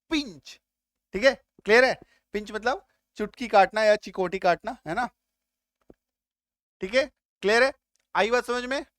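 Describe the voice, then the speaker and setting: A male English teacher with a high-pitched, fairly bright voice gives a classroom-style spelling lesson in clean studio sound with no echo. He spells words letter by letter, sounds them out again and again, and keeps checking whether his students follow.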